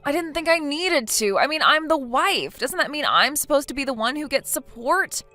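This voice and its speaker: A woman's voice: high voice, expressive, moderate pace, bright, forceful tone, faint music behind. A synthetic female voice playing a defensive, self-pitying wife who talks in a hesitant, whiny way.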